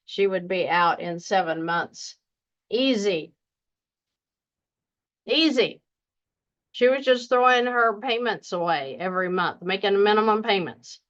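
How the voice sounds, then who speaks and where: A woman's voice: medium pitch, a bit bright, lo-fi sound. A woman with a Southern US accent, a debt coach giving folksy, emphatic advice straight to her viewers. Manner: folksy, emphatic, deliberately slow. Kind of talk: casual direct-to-camera advice.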